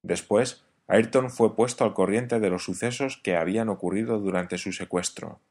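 A man narrating an audiobook in a steady, even reading. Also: lowish voice, normal speed.

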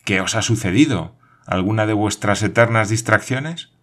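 A man voicing a calm, dry-witted male army major in an audiobook, asking terse questions in a low husky voice. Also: moderate pace.

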